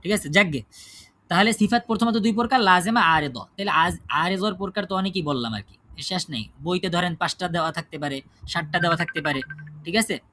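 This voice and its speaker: A man teaches a class with a high-pitched voice. He asks the students questions and answers them himself. He keeps checking whether they follow him. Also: brisk, pushed and bright. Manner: checks understanding with frequent tag questions. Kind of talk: classroom lesson on Quran recitation rules.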